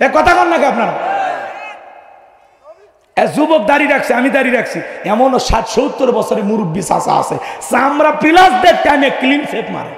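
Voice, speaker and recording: Male preacher with a regional Bangladeshi accent, high voice, humorous sermon delivered to a live crowd, alternating shouted lines and quiet asides. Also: sing-song, moderate pace, vocal fry, reverberant, in a large hall. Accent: regional Bangladeshi dialect. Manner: calls out to the audience for replies; breaks into chanted, sung lines.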